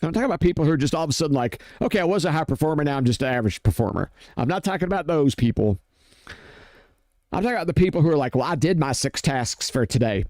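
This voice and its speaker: A man's voice: on the high side, lively intonation, very fast, a little mellow, no echo. Blunt, profane man ranting. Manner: acts out both sides of arguments in quotes. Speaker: streamer ranting on workplace issues. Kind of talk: casual rant.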